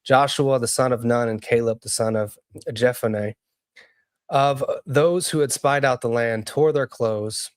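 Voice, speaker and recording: A man reads a scripture passage aloud at a measured, steady pace. His voice sits in an ordinary middle range, and the sound is dry and close with no room echo. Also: mid-range voice. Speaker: co-host reading scripture. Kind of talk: scripture reading.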